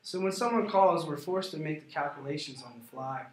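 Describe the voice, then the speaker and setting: A man in a rehearsed business role play, answering as a prospective client in a measured, formal way. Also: on the high side. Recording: echoey, roomy sound.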